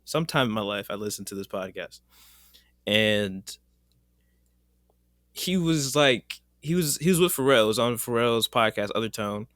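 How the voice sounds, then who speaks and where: A man hosting a casual podcast chat, relaxed and slangy, laughing often. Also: mid-range voice, no room sound, clean studio sound. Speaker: podcast host.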